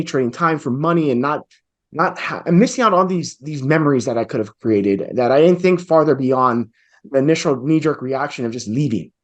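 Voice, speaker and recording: A man in his forties from Hawaii, a real estate investor telling his story earnestly and reflectively over a video call. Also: on the high side. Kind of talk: storytelling interview answer. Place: home office with bookshelves.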